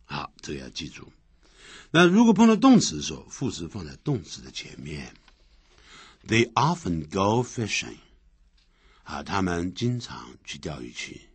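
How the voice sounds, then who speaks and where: Husky low-voiced man teaching grammar. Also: huge pitch swings, a little slow, no room sound. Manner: explains step by step, repeating example sentences. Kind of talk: classroom-style grammar lecture.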